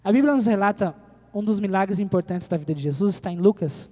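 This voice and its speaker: Man, high voice, preacher, lively questions to the congregation, echoey church hall. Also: a little fast. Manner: animated preaching, rising and falling, rhetorical questions to the congregation. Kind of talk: sermon.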